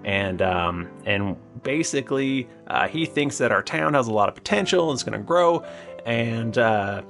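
A man playing a flustered, apologetic town leader in an improvised tabletop game, halting and stammering as he placates everyone. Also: medium pitch, lively intonation, vocal fry, a bit bright, soft background music. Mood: flustered, placating. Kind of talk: improvised tabletop role-play.

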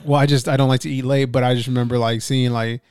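A young man in relaxed, casual podcast chat, swearing freely and restarting his sentences. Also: medium pitch, quick pace, smooth, no echo, clean studio sound. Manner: laid-back, swears casually, trails into restarts.

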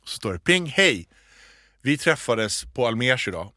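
A man co-hosting a podcast, telling a story in a casual, animated way and acting out the voices he quotes. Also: mid-range voice, dry recording, clean studio sound. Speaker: podcast co-host.

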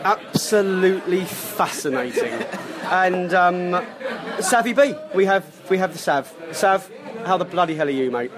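A man's voice: sits high, moderate pace. A man with a wheezy, chesty voice from a cough, hosting a casual podcast. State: lingering cough from a cold. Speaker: podcast host. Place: busy pub. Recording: lively pub chatter behind.

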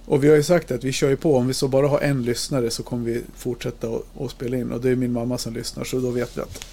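A man's voice: mid-range voice, little pitch movement, creaky, warm tone. A man in his fifties hosting a podcast, chatting casually, joking and swearing easily. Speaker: podcast host.

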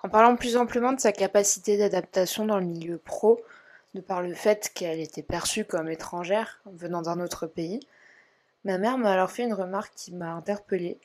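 Woman narrating a podcast in a calm, even voice. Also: mid-range voice, normal speed. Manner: calm, even, written-out delivery. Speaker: podcast host. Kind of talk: scripted narration.

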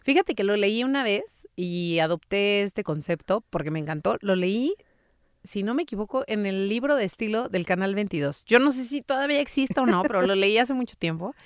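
A woman's voice: mid-range voice, expressive, moderate pace, smooth, no room sound, studio quality. A woman explaining spelling rules in a casual, patient, teacherly way, full of everyday examples. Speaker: spelling and grammar expert guest.

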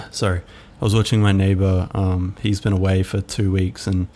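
A man hosting a reflective solo podcast, musing aloud in a halting way with many fillers. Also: deep voice, little pitch movement, darkish tone. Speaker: podcast host.

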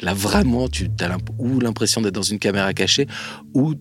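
A man's voice: lowish voice, normal speed. Man telling a story with many hesitations. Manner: speaks straight to the listener. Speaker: interview guest. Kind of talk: casual storytelling.

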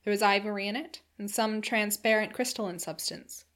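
A woman narrating a classic novel in a measured, steady storytelling voice. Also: medium pitch. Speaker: audiobook reader.

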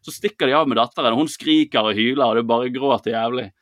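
A man's voice: mid-range voice, dry recording. Dry-sounding man retelling a film. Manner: lively storyteller who acts out quotes and swears freely. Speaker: podcast co-host. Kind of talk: casual chat, retelling a film.

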